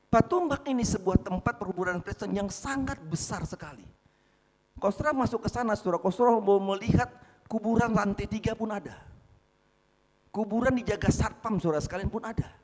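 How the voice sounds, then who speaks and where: A man preaching a sermon in a church, often addressing the congregation as brothers and sisters, swinging between loud emphatic peaks and quiet asides. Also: sits high. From North Sumatra, Indonesia. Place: large church hall. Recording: echoey hall with long reverb.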